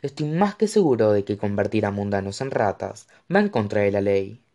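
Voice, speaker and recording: Figure: protective, wary young man, played by an audiobook narrator. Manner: cautious, earnest. Pitch: animated. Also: moderate pace. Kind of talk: audiobook character voice.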